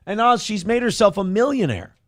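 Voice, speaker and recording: A man's voice: high voice, animated, brisk, fairly bright tone, no room sound, studio quality. An American man hosting comedic political commentary in a sarcastic, emphatic manner. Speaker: talk show host.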